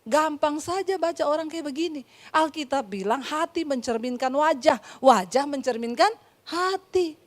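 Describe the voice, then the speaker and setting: A woman pastor preaches with a high, bright-sounding voice. She moves between teaching and lively, humorous storytelling, speaking straight to her listeners. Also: moderate pace. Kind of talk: sermon.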